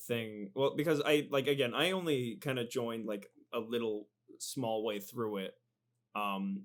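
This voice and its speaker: A young man joins a casual podcast chat as a guest, speaking at an ordinary middle pitch. He hesitates and restarts his sentences, stumbling over words, and is quick to make fun of himself. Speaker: video editor, podcast guest.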